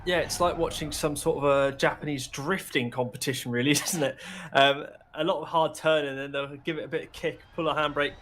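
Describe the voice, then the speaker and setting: A man's voice: fairly high pitch, fairly even intonation, brisk, a bit bright, a little hiss or hum. A man doing color commentary on sim racing, chatty and joking in his analysis.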